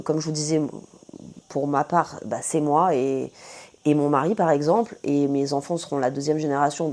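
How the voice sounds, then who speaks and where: A woman's voice: sits low, warm tone. A woman from France with a French accent, chatting casually to her viewers as she answers their questions, full of fillers and self-corrections. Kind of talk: casual Q&A chat to camera.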